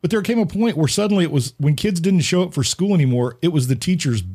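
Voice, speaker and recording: A middle-aged man hosting a casual podcast, his voice husky and breathy. His pitch swings widely as he tells stories. He acts out the people in his anecdotes. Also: lively intonation, fast talker, a little mellow. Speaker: podcast host.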